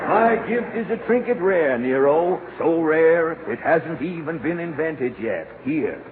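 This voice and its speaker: Old, put-upon Santa, folksy grammar, lively swings of pitch, thin vintage radio sound. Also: male voice, a little slow. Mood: jolly. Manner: folksy ungrammatical speech, plaintive storytelling. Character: aggrieved old Santa Claus telling his woes. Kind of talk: 1940s radio comedy acting. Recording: noisy narrow-band 1940s radio recording.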